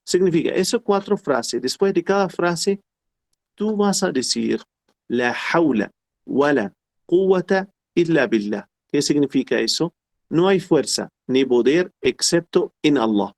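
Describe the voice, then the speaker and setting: Middle-aged man teaching a class, slightly high voice, patient and repetitive. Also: lively intonation, darkish tone. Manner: explains slowly and repeats phrases, quotes Arabic formulas. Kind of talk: online class lecture.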